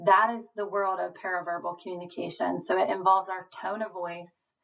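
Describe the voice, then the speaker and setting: A woman trainer giving a calm, reassuring lecture over slides. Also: fairly low pitch, normal speed, vocal fry. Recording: distant, dull lo-fi voice.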